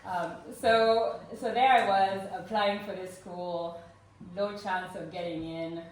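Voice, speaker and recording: Speaking from a distance to the mic, a Ugandan woman in her forties recounts a personal story to a live fundraising audience, her fairly low voice keeping fairly even intonation. She's earnest and warm, with many "um" fillers, and the room echoes strongly over faint noise.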